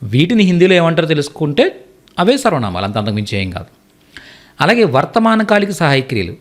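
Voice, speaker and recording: A man teaching a Hindi lesson, explaining slowly and repeating each word for learners. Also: on the high side, wildly swooping pitch. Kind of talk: spoken language lesson.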